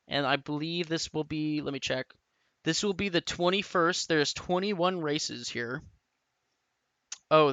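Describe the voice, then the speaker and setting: A man's voice: fairly high pitch, fairly bright tone, no room sound, muffled recording. A man giving a casual, rambling talk to camera, full of restarts and fillers. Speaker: tabletop and larp rules reviewer. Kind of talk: casual unscripted rant to camera. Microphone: camera mic.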